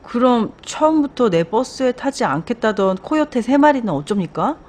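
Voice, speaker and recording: A woman's voice: a little high, big pitch swings, normal speed, darkish tone, pitched above the performer's own voice. A woman voicing a doubtful man who leads an office team, asking hesitant questions in a storybook reading. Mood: unsure.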